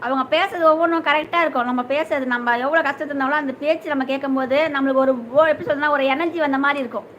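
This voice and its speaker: A young woman hosts a casual live stream, her voice high and bright. She greets viewers one by one, reads their comments aloud and asks after their meals and families, over a faint hum of room noise. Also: steady tone, rapid-fire, few pauses, lo-fi sound. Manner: greets viewers by name, asks if they have eaten.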